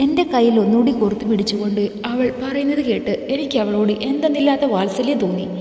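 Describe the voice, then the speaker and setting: A woman narrates a romance story in a steady, even reading voice. Her tone is mellow and sits a bit high, with a long reverb from the room behind it.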